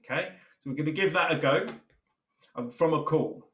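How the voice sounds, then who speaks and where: A man teaching a djembe lesson in a relaxed, encouraging way, counting drum strokes aloud. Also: on the high side, normal speed, over loud music. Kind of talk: online percussion lesson. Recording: roomy sound with loud drumming. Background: djembe drumming.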